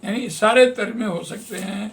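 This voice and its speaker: A man teaching Quran translation in a classroom lesson, patiently explaining grammar and repeating words slowly. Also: high-pitched, fairly bright tone.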